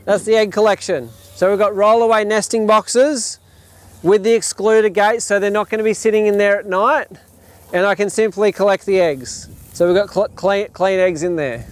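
An Australian farmer in his thirties talks a tour group through his gear in an open paddock, his voice sitting high for a man. He explains things eagerly, stumbling and restarting now and then. The sound comes from a camera set back from him outdoors. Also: steady tone, normal speed. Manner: enthusiastic, explanatory, with fillers and restarts. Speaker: farm owner giving a tour. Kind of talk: outdoor demonstration talk. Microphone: camera at a distance.

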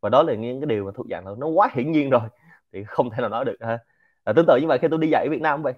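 A man with a Central Vietnamese Quảng Nam accent giving a lively, informal lecture to a community and dropping English words into his talk. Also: medium pitch, racing, highs cut off. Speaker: speaker hosting a Q&A session.

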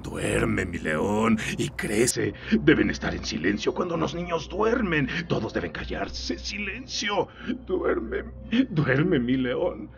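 An actor dubbing a grief-stricken, unhinged father in a TV drama, pleading in a gravelly voice and repeating denials. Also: a little high, animated, measured pace, slight background noise. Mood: hushing. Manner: repeats denials, slides into a sobbing lullaby. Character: grief-stricken father, unhinged, denying his son's killing. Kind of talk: dubbed TV drama.

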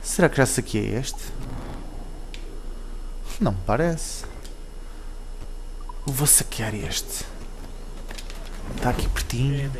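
A man's voice: mid-range voice, lively intonation, slow pace, pauses often, background noise. A man with a European Portuguese accent giving casual gameplay commentary, joking cheekily and talking back to the characters.

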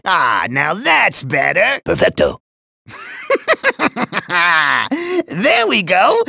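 Raspy, zany cartoon villain doctor. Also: male voice, high-pitched, sharp tone, no echo, studio quality, heavily acted. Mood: gleeful, scheming. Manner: chatty, wisecracking, theatrical, swinging between exclamations and muttered asides. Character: zany, chummy goblin-like mad doctor villain, gleefully wicked. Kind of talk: exaggerated cartoon game voice acting.

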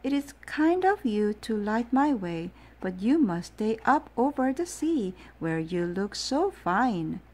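A woman voicing a gentle, muddled little male owl in a storybook read-aloud, plaintive and earnest. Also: on the high side, big pitch swings, slow pace, hardly any pauses, exaggerated voice.

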